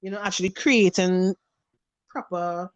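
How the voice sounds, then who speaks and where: Lo-fi sound carries a smooth, lowish female voice speaking a little slowly with a Trinidadian accent. The speaker, a thirty-something face and body painter from Trinidad and Tobago, is a guest in a casual video call interview. She tells stories with animation and acts out little quotes.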